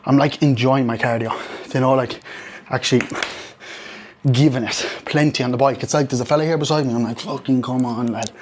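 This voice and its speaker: A man's voice: medium pitch, brisk, slight background noise. Slightly breathless man chatting on a bike. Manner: energetic, swearing, calls viewers lad. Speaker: fitness vlogger. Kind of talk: casual vlog chat. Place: home gym, indoors.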